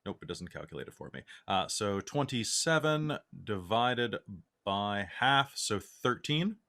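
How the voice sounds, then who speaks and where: Guy gaming at the table, lowish voice but sharp and bright, jokey and casual. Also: lively intonation, measured pace. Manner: casual and joking. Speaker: player. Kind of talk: casual tabletop game play.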